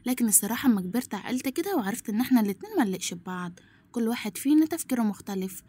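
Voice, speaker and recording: A proud young heir who speaks with curt scorn and an Egyptian accent, as a woman recapping the story puts him on. The lines come out in a rapid rush. The voice is slightly high and husky. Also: lively intonation, dark tone. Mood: cold. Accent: Egyptian Arabic. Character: arrogant young male heir, cold and dismissive.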